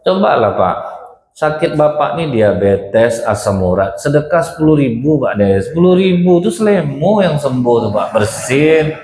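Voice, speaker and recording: A man's voice: fairly high pitch, very animated, normal speed, a little mellow. A male preacher with a Riau Malay accent giving a folksy storytelling sermon, constantly addressing the men as sir. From Riau, Indonesia. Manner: folksy, addresses listeners as Pak. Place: mosque. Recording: echoey mosque hall.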